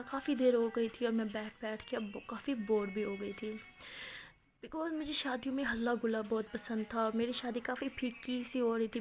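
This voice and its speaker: Chatty young woman telling a story. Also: fairly high pitch. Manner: chatty, laughs often, mixes English words. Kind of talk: first-person storytelling.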